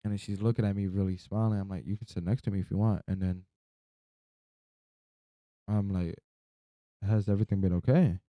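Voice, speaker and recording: A man's voice: low-pitched, level tone, brisk, long pauses, dark tone, no echo. A young man, sleep-deprived and drowsy, rambling casually through a personal story in loose slang with some swearing.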